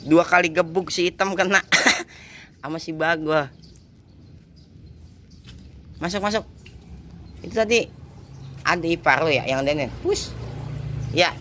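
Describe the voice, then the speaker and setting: A man keeps up a slow, casual running commentary to his cats. He teases and scolds them playfully. His voice sits a little high and sounds bright and forceful. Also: slight background noise. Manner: teasing, scolding chatter to animals. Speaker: pet channel host.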